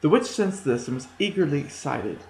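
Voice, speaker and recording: A man telling a fairy tale in a plain, somewhat hesitant storytelling manner. His voice sits fairly high for a man. The room has a strong echo. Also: big pitch swings, brisk, creaky, darkish tone. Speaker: storytelling student. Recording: echoey room.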